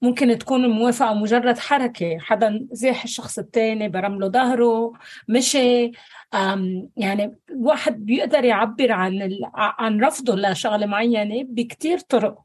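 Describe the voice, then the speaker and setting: A woman psychologist with a Levantine Arabic accent answering interview questions thoughtfully, pausing on fillers and slipping in English words. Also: a little high, darkish tone. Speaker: psychologist guest.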